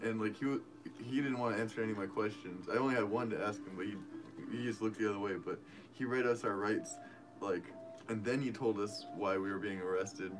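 A man telling a story casually, rambling and halting, with lots of fillers. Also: lowish voice, steady tone, over music, rough recording.

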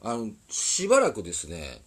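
A low-voiced man with an Osaka accent, rambling through a casual live stream from a recording studio. His husky voice swings up and down, and he keeps apologizing and laughing at himself. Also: wildly swooping pitch, normal speed. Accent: Osaka dialect.

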